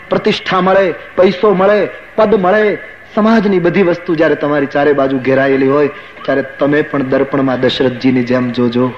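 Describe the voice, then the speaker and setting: A man preaching a sermon to a gathering, telling it like a story and acting out the people in it. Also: fairly high pitch. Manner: storytelling with quoted asides. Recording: dull lo-fi recording with faint hiss.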